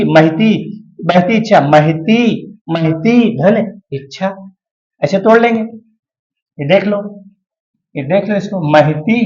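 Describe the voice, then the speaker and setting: A man teaching a grammar lesson, who splits words slowly syllable by syllable and asks questions that he answers himself. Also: on the high side. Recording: roomy, dull lo-fi sound.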